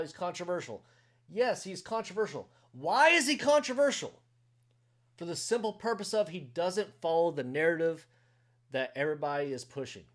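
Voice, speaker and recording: A man's voice: fairly high pitch, a little mellow. A middle-aged man, a retired army veteran, hosting a reaction video and commenting earnestly in short emphatic bursts. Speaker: reaction channel host. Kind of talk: casual commentary.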